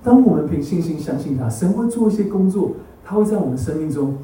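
A man's voice: a little high, animated, fast talker, mellow, a little hiss or hum. A man preaching a sermon with a personal testimony. He keeps asking the congregation to agree and drops English words into his talk. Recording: echoey hall, mic far off.

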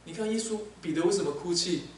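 A man's voice: high voice, fast talker, darkish tone. A man preaching a sermon, teaching with animation and slipping English terms into his talk. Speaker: pastor. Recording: echoey hall, mic at a distance, faint noise.

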